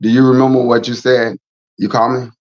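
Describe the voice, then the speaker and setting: A man's voice: mid-range voice, level tone, fast talker. A middle-aged man hosting a casual faith talk show, rambling and repeating words as he goes. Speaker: host. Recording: slightly dull, lo-fi sound.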